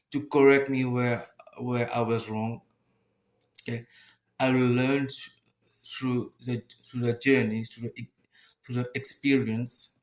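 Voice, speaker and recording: A man with a mid-range voice and a Mauritian accent, whose first language is Mauritian Creole, speaks casually to viewers in what is his first YouTube video. He halts while searching for words and repeats phrases.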